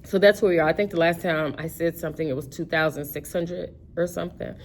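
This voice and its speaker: A woman's voice: on the low side, fairly even intonation, fast talker, a little mellow, a little hiss or hum. A woman chatting casually about her budget, rambling with many fillers and restarts. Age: 50s. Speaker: personal finance vlogger.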